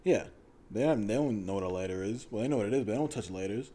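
A young American man with a fairly low voice, talking in an easygoing casual chat. Faint room noise sits behind his words. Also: lively intonation, racing, mellow.

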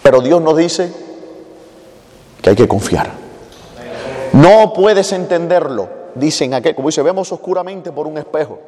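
A man's voice: fairly high pitch, lively intonation, measured pace, pauses often, mellow. Preacher man in a reverberant hall. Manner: conversational, acts out pleading prayers and God's rebuke. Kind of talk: sermon. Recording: long reverb of a church hall.

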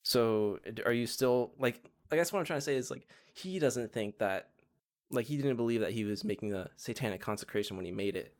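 A man's voice: mid-range voice, brisk, darkish tone. A young man in a casual chat, talking loosely and searching for words with lots of fillers.

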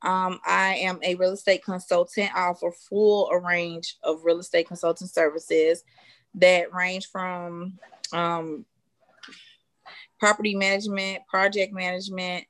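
A woman, a real estate consultant answering interview questions in a steady, matter-of-fact way with frequent "um"s. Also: lowish voice, unhurried. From South Side of Chicago. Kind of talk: casual interview guest.

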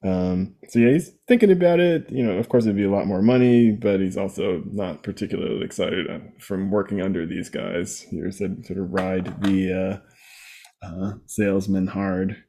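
A man with a fairly low, very mellow voice co-hosts a podcast. He recaps a comic book casually and with a wry, conversational manner. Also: normal speed. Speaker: podcast co-host.

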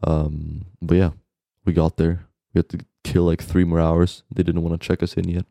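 A man's voice: low voice, little pitch movement, normal speed, gravelly, warm tone, no room sound, studio quality. A young man co-hosting a podcast, casually recounting things in sweary, bro-ish frat-boy slang. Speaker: podcast co-host. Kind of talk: casual chat, storytelling.

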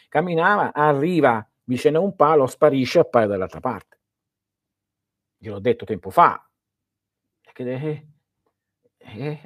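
A middle-aged man hosting a livestream, reading out viewer questions and answering them in an animated, chatty way that often restarts mid-sentence. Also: on the low side, husky, dry recording, clean studio sound. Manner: animated, repeats and restarts, talks to viewers directly. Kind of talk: casual esoteric livestream talk.

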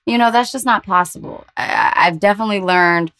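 A woman co-hosting a casual podcast conversation, talking reflectively about her parenting choices and turning animated when she tells stories. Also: mid-range voice, quick pace. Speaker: podcast co-host, homeschooling parent.

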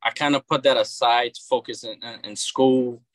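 This Brazilian comic book creator in his thirties has a Brazilian Portuguese accent and talks casually as an interview guest, often repeating words as he restarts. His mid-range voice keeps fairly even intonation at a moderate pace. There's no room sound.

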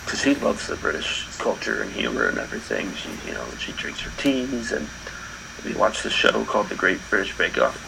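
A man co-hosting a podcast in relaxed, rambling casual chat, with many fillers and restarts. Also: low voice, brisk, vocal fry. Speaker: podcast co-host. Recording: air conditioner hum behind.

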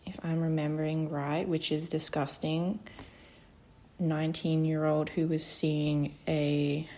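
A woman's voice: sits low, vocal fry, a little mellow. A woman in her twenties hosting a solo podcast, nervous and hesitant, with many fillers and restarts. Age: 20s. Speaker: podcast host. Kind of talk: casual solo podcast talk.

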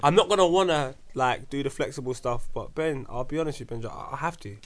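A man's voice: medium pitch, fast talker. A man with a London roadman accent chatting casually in street slang. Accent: London, urban street slang style. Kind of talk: casual group chat.

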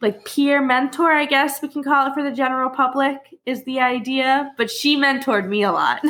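A woman in her twenties hosting a casual podcast, bubbly and quick to laugh, talking over a video call. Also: a little high, a bit bright. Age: 20s. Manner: bubbly, laughs often, upbeat intro voice. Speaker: podcast host. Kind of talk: casual chat.

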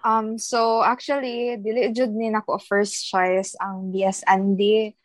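A woman's voice: medium pitch, little pitch movement, measured pace, no room sound, low-quality recording. A twenty-year-old woman with a Cebuano accent, a student guest talking thoughtfully and mixing Cebuano into English. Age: 20s. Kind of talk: casual podcast chat.

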